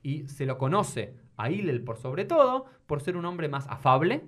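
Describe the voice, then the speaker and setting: A man with an Argentine Spanish accent telling a story in casual chat, reading old Hebrew lines slowly and then explaining them. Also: fairly high pitch, very animated, fairly bright tone. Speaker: host telling a rabbinic story.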